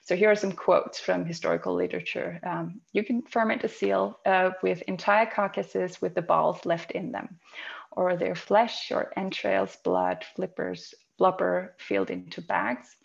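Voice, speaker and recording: Woman in her thirties, from Greenland, very gravelly low voice, measured lecture, dull video-call sound. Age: 30s. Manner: measured, explanatory, occasional ums. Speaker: microbiology researcher presenting. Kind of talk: online presentation talk.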